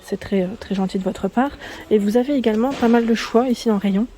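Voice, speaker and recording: Female vlogger, slightly high, mellow voice, casual store walkthrough, faint shop noise. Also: fast. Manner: chatty, friendly, many fillers. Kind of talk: casual shopping haul vlog. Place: inside a discount store.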